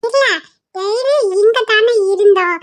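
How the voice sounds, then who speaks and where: A woman's voice: very high-pitched, unhurried, no echo. A woman voicing a stubborn, giggling little boy in a cartoon. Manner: giggling, whiny.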